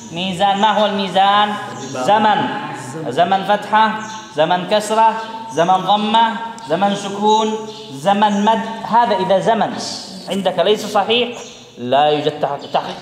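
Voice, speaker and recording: A man teaching Quran recitation in a classroom, drilling his students with repeated questions. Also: sits high. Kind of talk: classroom instruction. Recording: echoey room with long reverb.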